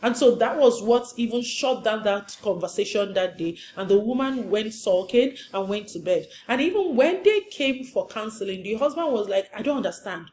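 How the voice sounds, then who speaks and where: An earnest woman counselor teaches about marriage, driving her points home with repeated questions. Her voice sits on the higher side, and a faint hum runs underneath. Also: animated, normal speed, few pauses, a little mellow. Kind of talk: teaching talk to camera.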